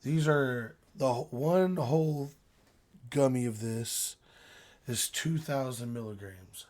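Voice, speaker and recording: A man's voice: mid-range voice, slow, darkish tone. A man hosting his own podcast in casual solo chat, speaking informally with slang and some swearing. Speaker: podcast host.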